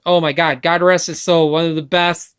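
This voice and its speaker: Excitable woman gushing about movies. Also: on the low side, normal speed, clear, resonant tone. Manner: excitable, gushing, swears casually. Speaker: vlogger. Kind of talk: casual opinion chat.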